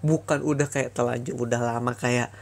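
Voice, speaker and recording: A man's voice: mid-range voice, fairly even intonation, normal speed, gravelly, slight background noise, natural voice. A young man voicing a bitter boyfriend in an ASMR boyfriend role-play, scolding his toxic ex over and over in a heated voice. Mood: reproachful. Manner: heated, reproachful, repetitive scolding.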